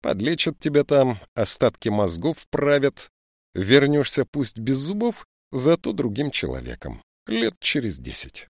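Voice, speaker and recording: A severe, stocky woman lieutenant lectures in a raised, scolding voice, as a male audiobook narrator puts her on. Her voice is lifted well above his own low tone and swings widely with rebuke. The room is dry and close. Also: huge pitch swings, a little slow, no echo, heavily acted. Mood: stern. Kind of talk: audiobook character voice.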